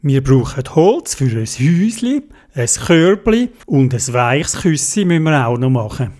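A woman's voice: very deep voice, big pitch swings, unhurried, mellow, heavily acted. Woman doing a friendly little boy. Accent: Swiss German.

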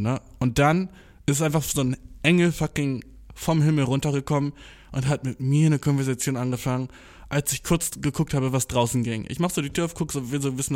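Slangy, swearing young man telling a story. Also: mid-range voice. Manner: slangy, swears a lot, mixes English words; self-mocking, excitable, stumbles over words. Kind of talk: casual storytelling monologue.

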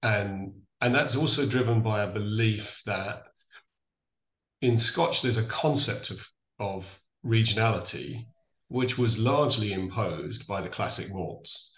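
An Irish man from Donegal explaining things in a conversational interview, thoughtful and halting, often restarting and correcting himself. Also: fairly low pitch, a bit bright. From Donegal, Ireland. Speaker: interview guest, distillery founder. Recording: echoey room sound.

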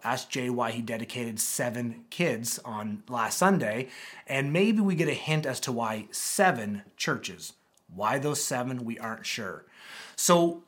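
A man preaching a sermon as pastor to his church, animated with dramatic pauses and scripture reading. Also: medium pitch, breathy edge. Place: church auditorium with congregation.

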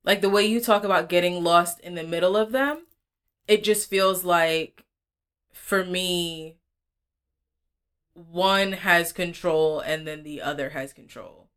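A woman co-hosting a podcast, thinking aloud in a relaxed, reflective chat. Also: lowish voice, slow pace, smooth. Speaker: podcast co-host. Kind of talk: casual chat.

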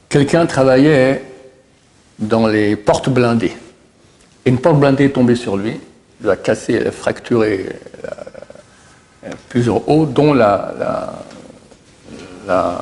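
A man's voice: medium pitch, a little mellow, a little hiss or hum. A middle-aged man casually retelling religious miracle stories, often stumbling and repeating words as he goes. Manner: halting, repeats and restarts words. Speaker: storyteller.

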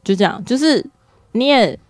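Gravelly-voiced woman in casual chat. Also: on the high side, animated, moderate pace, no room sound, clean studio sound. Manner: thoughtful, searching for words. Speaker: podcast co-host.

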